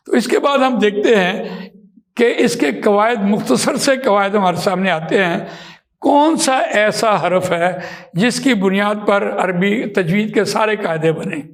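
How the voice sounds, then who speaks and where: A man teaching Quran recitation in a slow, patient lesson, drawing out vowels and words to demonstrate them. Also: high-pitched. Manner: patient, repeats points with examples.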